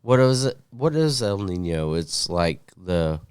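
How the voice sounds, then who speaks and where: Easygoing man with a very deep voice. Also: very animated, darkish tone, smooth, no echo, studio quality. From Indiana. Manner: easygoing, unsure, halting with fillers. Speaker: podcast co-host. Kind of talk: casual chat.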